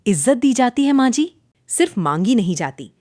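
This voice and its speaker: A woman's voice: medium pitch, very animated, normal speed, darkish tone, no room sound, studio quality, lightly acted. A woman voicing an overworked young daughter-in-law who answers back in a pained, pleading way in a cartoon story. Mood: hurt.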